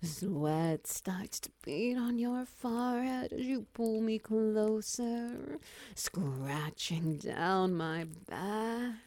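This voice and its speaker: Woman doing an intimate audio roleplay, real slow and soft, gravelly low voice, dry close sound. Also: dry recording. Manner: slow, soft and teasing, dipping into whispers.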